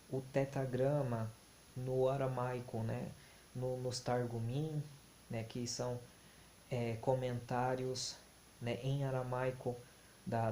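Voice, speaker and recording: A man gives a slow, deliberate teaching talk, his tone dark and level with little rise or fall. He keeps pausing on fillers and restarting his phrases. The room rings with echo over a faint hiss. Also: medium pitch. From Brazil. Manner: halting, many fillers and restarts; slow, deliberate, flat delivery. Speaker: Bible teacher. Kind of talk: explanatory talk on Hebrew grammar.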